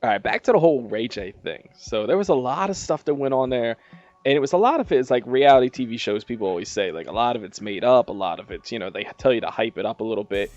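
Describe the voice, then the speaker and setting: A man's voice: mid-range voice, expressive, fast talker, darkish tone, muffled recording. A man hosting a radio show, interviewing a guest in a casual, laid-back way with loose, rambling questions. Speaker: radio host.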